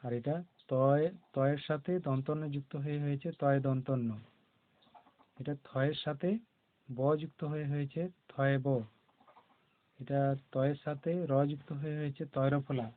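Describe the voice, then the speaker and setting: A man teaching young children to read, spelling out letters slowly and patiently in a classroom lesson. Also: medium pitch, level tone. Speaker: primary school teacher. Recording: tinny phone-like recording.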